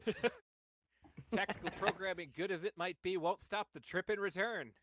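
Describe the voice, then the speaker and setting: A man giving excited play-by-play commentary on a wrestling match, calling each move as it happens. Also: high-pitched. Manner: excited, calls moves quickly.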